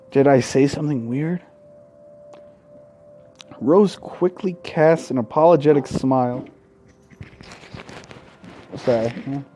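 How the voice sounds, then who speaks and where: Reading through a visual novel for a let's-play, a man voices the game text and drops in casual, profane remarks. His voice sits a little high and sounds a little mellow.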